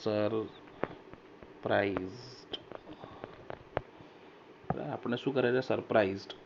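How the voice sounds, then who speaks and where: A male teacher with a mid-range voice gives an English vocabulary lesson, reading each example sentence slowly and more loudly before explaining it. He keeps checking that students follow with short questions. This recorded classroom lesson comes from a dull lo-fi voice recorder with faint hiss.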